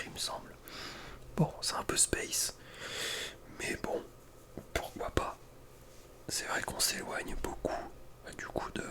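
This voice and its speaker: Whispering throughout, a man gives ASMR ranking commentary close to the mic. He is an ASMR content creator who talks casually, leaning on slang and hesitant asides.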